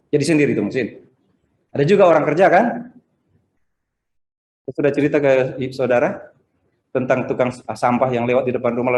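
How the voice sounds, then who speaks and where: A man preaching a Sunday sermon in a conversational, animated way, acting out the people he quotes. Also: mid-range voice, reverberant. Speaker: pastor. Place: church service streamed over video call.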